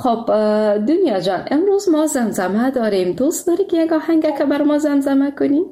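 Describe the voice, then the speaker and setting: A woman's voice: high voice, animated, warm tone. A woman with an Afghan accent hosting a radio phone-in in a courteous, friendly, conversational way. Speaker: radio programme host.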